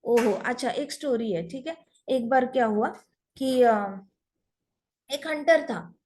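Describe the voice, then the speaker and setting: A woman's voice: a little high, takes it slowly, darkish tone. A woman teaching a scripture class through storytelling, mixing in English phrases.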